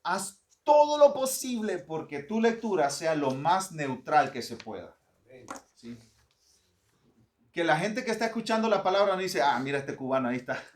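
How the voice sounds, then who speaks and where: A middle-aged man from Honduras, a pastor giving a lively, joking teaching talk to church readers and acting out pronunciations. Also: high voice, unhurried, pauses often, a little hiss or hum.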